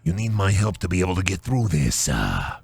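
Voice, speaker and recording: Man putting on a smoky, drawling cartoon wolf mentor, low and laid-back. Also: very animated, fairly quick, gravelly, darkish tone, slightly rough, full character voice. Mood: reassuring.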